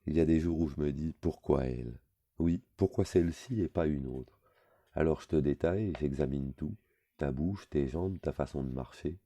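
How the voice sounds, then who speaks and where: A man's voice: a bass voice, normal speed, dark tone, no echo. A man reading a novel aloud, voicing an aging drunk man who rants with weary, insulting words. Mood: hushed, tender.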